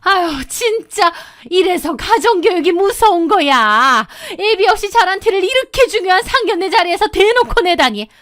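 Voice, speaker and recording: A woman doing a shrill sneering mother-in-law. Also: expressive, moderate pace, few pauses, a bit bright, dry recording, studio quality. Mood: sneering, furious.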